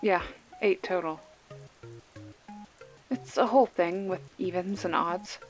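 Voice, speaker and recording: Soft music plays behind a woman who takes her time in a lowish voice. She's roleplaying for ASMR as a young video store clerk, sarcastic and foul-mouthed but protective, on a one-sided phone call. The banter is wry, snarky and casual, with swearing.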